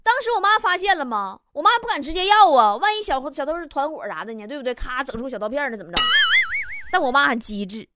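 High, animated woman telling jokes. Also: fast talker, dry recording, studio quality. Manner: lively, acts out characters, laughs at own jokes. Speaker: talk show host. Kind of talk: comic joke-telling monologue. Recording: noisy recording.

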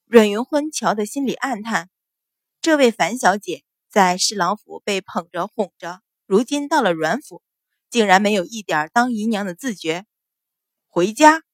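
A woman reading a period novel aloud as a storyteller, giving the quoted characters a raised, forceful voice. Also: medium pitch, expressive, normal speed, dry recording. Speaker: audiobook narrator.

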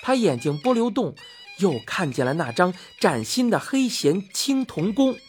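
Woman storyteller, first-person children's story, animated pitch, soft music behind. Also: unhurried. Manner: lively, expressive first-person narration.

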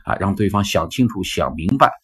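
Deep husky man teaching English phrases. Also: a little fast. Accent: Cantonese-influenced Mandarin. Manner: animated, acts out quoted lines. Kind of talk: casual spoken-English lesson.

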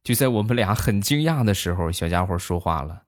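Lively low-voiced man telling funny stories. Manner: chatty storytelling with punchline pauses. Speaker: comic storyteller. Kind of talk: comic anecdote monologue.

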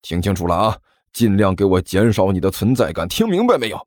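A man's voice: low-pitched, sing-song, fairly quick, a little mellow, dry recording, studio quality, pitched below the performer's own voice. A man voicing a fat, grumpy man who scolds and complains in exasperation. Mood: scolding.

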